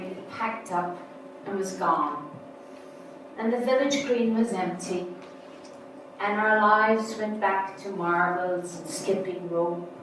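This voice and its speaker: A woman slowly reading a childhood memoir piece aloud, full of wonder, recorded from far off in an echoey room. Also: medium pitch, fairly bright tone, slight background noise. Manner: slow, storytelling with childlike wonder. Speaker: memoir performer.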